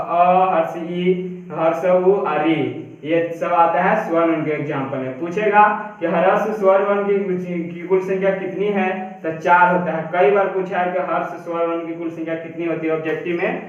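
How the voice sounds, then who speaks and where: A high-voiced man explains a grammar lesson step by step. He asks a question and then gives the answer himself. He sounds distant from the mic, in a very echoey room with a dull, muffled tone. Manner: repeats each point, poses questions and answers them. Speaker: teacher. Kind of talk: Hindi grammar lesson for exams.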